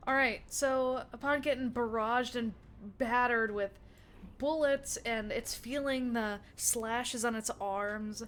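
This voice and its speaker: A woman's voice: fairly high pitch, fairly even intonation, slow, fairly bright tone, a little hiss or hum. A woman narrating as game master in a tabletop game, describing the action with lots of restarts and fillers.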